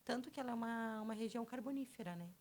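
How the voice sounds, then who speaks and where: A woman's voice: fairly high pitch, racing, a little mellow. A woman from Porto Alegre with a Gaúcho accent, a podcast guest telling her life story in a chatty way, often adding tag questions, close to a studio microphone. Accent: Gaúcho Portuguese. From Porto Alegre, southern Brazil. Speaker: podcast guest, personal trainer. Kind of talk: conversational storytelling.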